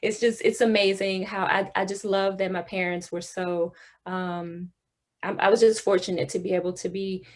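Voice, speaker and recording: A young adult woman, a singer from Texas's Houston area, chats casually in an interview. Her voice sits at medium pitch with a steady tone and normal pace. She's talkative, laughs often, and says "um" a lot.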